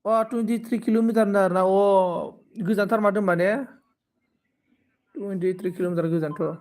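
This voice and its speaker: A man's voice: high voice, fairly even intonation, moderate pace, darkish tone. A man in his twenties hosting a live stream, casually thanking viewers by name and consoling them. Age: 20s. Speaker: livestream host.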